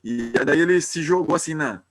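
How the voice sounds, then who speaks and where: A man's voice: on the high side, moderate pace. Man retelling a devotional story. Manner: informal, hesitant, with frequent restarts. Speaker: devotional class speaker.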